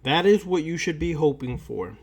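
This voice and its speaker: An occult lecturer delivers an esoteric talk in the manner of a preacher. His fairly high, expressive voice moves in deliberate, halting phrases, broken by long pauses, and he repeats key lines for emphasis.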